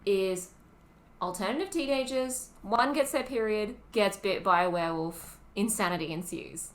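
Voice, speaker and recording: A woman in her twenties with an Australian accent, co-hosting a podcast in casual chat, talkative and quick to laugh. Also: mid-range voice. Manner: chatty, laughs often, lots of ums. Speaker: podcast co-host. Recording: roomy with faint ambient noise.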